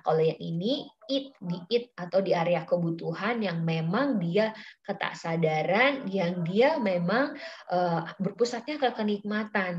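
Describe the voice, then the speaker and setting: Woman, middle-aged, informal lecture, conversational with fillers, lowish voice. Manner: chatty, many fillers, acts out quoted dialogue. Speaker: psychology lecturer and counselor. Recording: slightly dull lo-fi audio.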